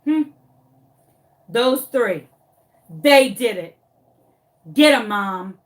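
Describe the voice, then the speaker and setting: A sassy female hunting dog, played by a woman telling a story, taunting in a drawl. The voice sits high and swoops around. It comes in slow, deliberate bursts. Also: animated. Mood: scheming.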